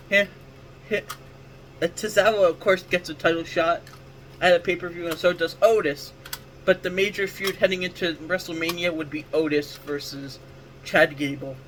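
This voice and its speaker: A man with a notably high voice for his sex talks casually on his own wrestling show. He rambles, corrects himself mid-sentence and circles back on his points, with faint ambience behind him. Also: fairly bright tone, a little hiss or hum, rough recording. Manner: rambling, self-correcting, full of restarts. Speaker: wrestling podcast host. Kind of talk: casual solo commentary.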